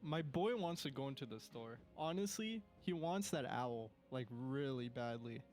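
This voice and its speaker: A man's voice: mid-range voice, animated, measured pace, a little mellow, faint music behind. A man playing a tabletop game, describing his character's actions in a hesitant, rambling way. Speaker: player.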